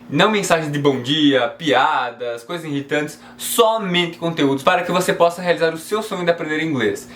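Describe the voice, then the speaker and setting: A man from Brazil with a Brazilian Portuguese accent teaching an English lesson in a friendly, casual style. He keeps checking in with the viewer and reads the English examples slowly and carefully. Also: on the high side, fairly bright tone, reverberant, a little hiss or hum.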